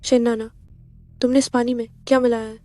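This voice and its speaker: An actress dubbing a clever young woman who speaks calmly and firmly. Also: a little high, no room sound, lightly acted. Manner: calm and firm, quick delivery. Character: cool, clever young woman outsmarting a rival. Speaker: heroine. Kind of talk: Hindi dub of a drama.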